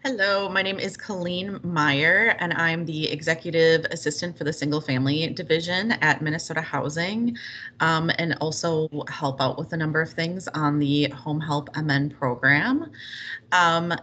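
Low-voiced woman with a bright tone. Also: normal speed, slight background noise. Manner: hesitant, many fillers. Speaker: executive assistant. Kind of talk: self-introduction on a video call.

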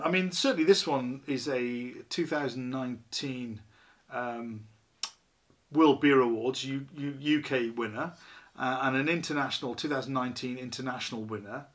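A man in his fifties talks to camera from a small living room while he reviews a beer. He rambles, fills pauses with ums and you-knows, and pokes fun at himself. He is seated at a table, a short distance from the camera. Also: medium pitch, fairly bright tone. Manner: chatty, rambling, self-deprecating, many ums and you-knows.

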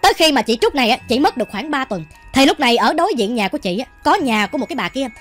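Woman, Southern Vietnamese accent, ghost story narration, very fast, high voice, chatty. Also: very animated, faint music behind. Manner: chatty, addresses listeners directly. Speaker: storytelling channel host.

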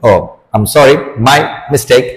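With a Bangladeshi accent, a man teaches a student English pronunciation in a playful classroom lesson, switching between English and Bengali and pretending to make mistakes. He speaks in a mid-range voice, drawing out his words, and the recording is rough.

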